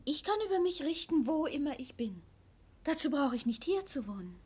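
A little boy prince with a high, light voice. He is innocent, polite and full of earnest questions, in the manner of a storybook audio play. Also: sing-song, moderate pace, darkish tone. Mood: matter-of-fact. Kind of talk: children's audio drama acting.

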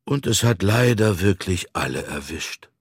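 A man playing a kindly, calm older antique dealer in an audiobook reading. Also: deep voice, measured pace, creaky, slightly rough, no echo, clean studio sound, exaggerated voice. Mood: gentle.

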